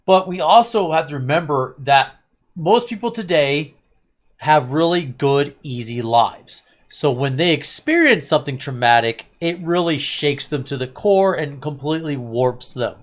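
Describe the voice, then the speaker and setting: A man's voice: fairly high pitch, expressive, unhurried. A man hosting a casual anime review chat, rambling and opinionated with a sarcastic edge. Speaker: host of an anime review channel.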